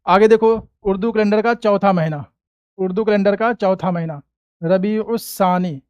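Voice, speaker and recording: A man teaching a lesson, slowly repeating each word and answering his own questions, recorded close in a quiet room. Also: high-pitched, clear, resonant tone, no room sound, lo-fi sound. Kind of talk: classroom-style lesson with call and response.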